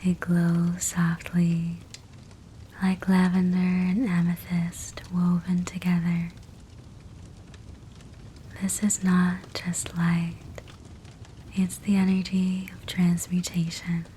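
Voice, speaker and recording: This sleep meditation is led by a woman whose whisper is breathy, soft, and low, her pace very slow. She keeps her delivery gentle and calming, with short phrases and long gaps, and fireplace sounds crackle constantly in the background.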